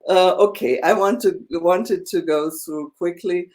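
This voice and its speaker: Woman teacher, slow, lowish voice, lots of um and yeah. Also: darkish tone. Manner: slow, explaining with many fillers and checks like "yeah?". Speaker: German teacher. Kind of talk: one-on-one language lesson.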